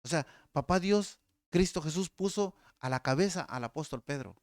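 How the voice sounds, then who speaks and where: A man with a Mexican accent preaching a sermon, emphatic, slowing down and swinging his pitch to stress points. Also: lively intonation, dry recording, studio quality. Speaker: pastor.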